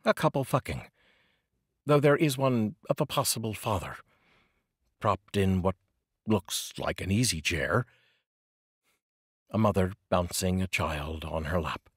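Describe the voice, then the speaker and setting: In a small indoor home studio lined with curtains, a middle-aged man reads poems for his channel in a deliberate, dramatic style. His voice is very low and husky, with pitch that sweeps energetically, and he sits near a boom-mounted studio microphone fitted with a pop filter, so the sound is dry and free of echo.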